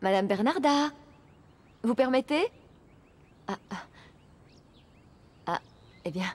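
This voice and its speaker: Brief: woman playing a soft, coaxing young nanny, fairly high voice, telenovela dub. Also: animated, slow pace. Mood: tender. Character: gentle young nanny cooing at a baby.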